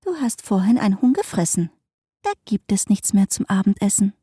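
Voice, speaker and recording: A wry young woman of nineteen from an audiobook, speaking in a slightly apologetic, teasing way, as a woman reads her. Her voice is mellow and dark, recorded close and dry. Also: mid-range voice, big pitch swings, normal speed, slightly rough, no room sound. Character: nineteen-year-old girl, wry dog lover.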